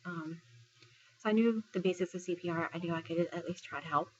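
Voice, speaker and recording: This military service member from Texas recounts a personal story in a laid-back vlog, conversational and heavy on fillers, quoting other people along the way. Her voice is fairly low and a little fast. The recording is muffled.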